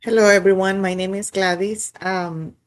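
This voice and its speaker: A woman from Mexico on a panel, reading out a list of discussion points in a steady, list-like way. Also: mid-range voice, moderate pace. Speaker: panelist, pediatric nurse.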